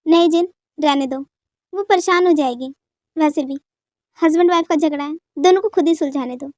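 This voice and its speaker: A woman doing a calm, reassuring father. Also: high voice, moderate pace, no echo, close to an everyday voice. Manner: gentle, steady.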